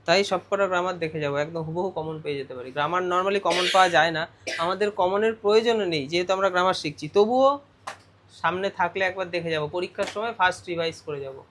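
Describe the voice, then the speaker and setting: A man's voice: sits high, fast talker, fairly bright tone, slight background noise. A male teacher going through a grammar lesson step by step, often putting questions to his students. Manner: explains step by step, asks the class questions.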